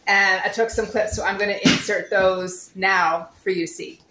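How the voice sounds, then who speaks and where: Vlogging her day of homeschool and housework, a Nova Scotia woman in her thirties chats along in a relaxed, easygoing manner. She speaks at medium pitch and normal speed with a steady tone, over heavy background noise.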